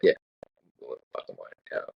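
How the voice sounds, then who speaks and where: A young man, chatting casually on a podcast, rambling and swearing as he acts out what others said. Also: normal speed. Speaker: podcast co-host. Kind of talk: casual chat. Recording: dull lo-fi sound.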